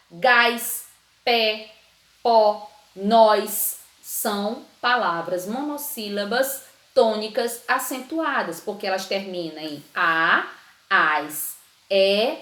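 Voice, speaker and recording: A woman's voice: a little high, a bit bright, echoey room. A woman teacher giving a remote lesson, stretching and singing out the stressed syllables of example words and checking in often with her students. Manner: drawn-out sung-out stress on example words, frequent "certo?" checks. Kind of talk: remote class lesson on Portuguese accent rules.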